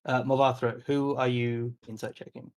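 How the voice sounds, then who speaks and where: A man's voice: medium pitch, flat delivery, darkish tone. Man running a tabletop game. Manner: measured, unhurried narration with filler words. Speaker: game master.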